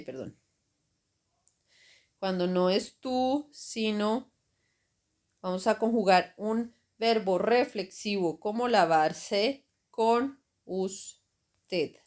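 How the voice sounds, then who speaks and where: A woman, teaching grammar at an unhurried pace. She explains one step at a time in a patient way and keeps checking that her students follow. Her voice sits at an ordinary middle pitch. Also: darkish tone. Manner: slow, patient explaining with frequent "¿ok?" and "¿cierto?" checks. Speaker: Spanish teacher. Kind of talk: grammar lesson over slides.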